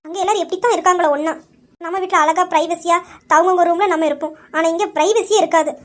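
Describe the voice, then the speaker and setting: A woman's voice: very high voice, steady tone, fast talker. A woman performing a comedy skit in a chatty, complaining way. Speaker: sketch actor voicing several characters.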